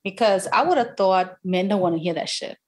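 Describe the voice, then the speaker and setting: A woman's voice: mid-range voice, fairly quick. A woman hosts a casual podcast conversation in a mid-range voice. She asks loose, winding questions and chats in an easygoing way. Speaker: podcast host.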